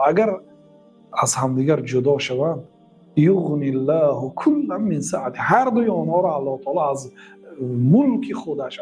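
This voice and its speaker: A man's voice: on the high side, mellow. A man with a Tajik accent, an Islamic teacher giving a religious lesson who recites Arabic verses and translates them line by line.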